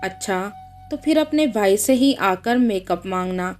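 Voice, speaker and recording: A woman voicing a rude, sharp-tongued young wife in a read-aloud story, speaking curtly and mockingly. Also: mid-range voice, lively intonation, a little slow, faint music behind, natural voice. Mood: snappish. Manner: curt and mocking.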